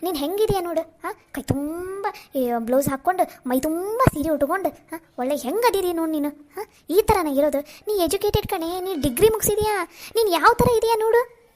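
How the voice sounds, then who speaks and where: A woman's voice: very high voice, expressive, moderate pace, darkish tone. A woman voicing a caring but firm young friend in a cartoon, comforting and lecturing.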